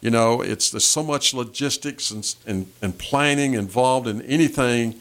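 A mid-range-voiced man with a Southern US accent hosts a conversational radio interview, halting and repeating phrases as he goes.

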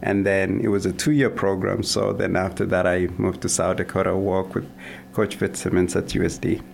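A man answers interview questions in a studio, picking his words with frequent pauses and restarts. His voice sits low and carries a gravelly fry. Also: level tone, darkish tone. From Kenya. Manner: hesitant, many fillers and restarts. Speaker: guest, runner and coach. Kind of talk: casual interview talk.

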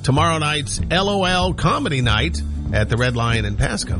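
A man's voice: a little high, big pitch swings, moderate pace, music in the background. A man hosting morning radio, doing an informal, chatty live contest promo.

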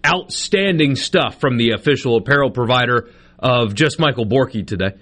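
An American man with a mid-pitched voice hosts a live sports talk radio show. He speaks conversationally, repeating and spelling out details for his listeners in a casual, bantering style. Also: lively intonation, normal speed, fairly bright tone.

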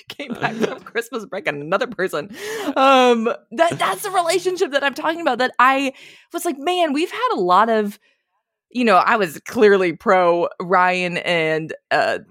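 A woman co-hosting a casual TV recap podcast, chatting in an excitable, gushing way. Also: a little high, measured pace, dry recording, studio quality. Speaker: podcast co-host.

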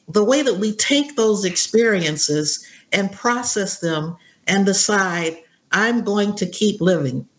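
Upbeat seventy-year-old woman guest. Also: mid-range voice. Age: 70s. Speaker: interview guest. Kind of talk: casual interview chat.

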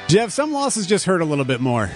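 A man's voice: on the high side, big pitch swings, fairly quick, soft background music. A man hosting a morning radio show, chatting casually in a joking, teasing way as he interviews a guest.

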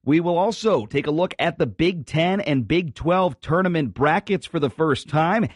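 A man hosting a sports radio show in an emphatic delivery, his voice hoarse from cheering. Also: on the high side, lively intonation, normal speed, dry recording. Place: radio studio.

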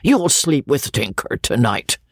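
Boastful stingy old baronet, husky blustery voice, a man putting him on. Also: mid-range voice, big pitch swings, measured pace, no echo, studio quality. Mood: gruff. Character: coarse miserly old male baronet, boastful, litigious.

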